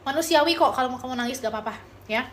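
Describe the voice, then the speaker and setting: Speaking very fast in a high, somewhat bright voice, a young woman answers her livestream chat with relationship advice; a little hiss or hum can be heard. The stream is casual, and she's affectionate, calling viewers pet names and mixing in English phrases.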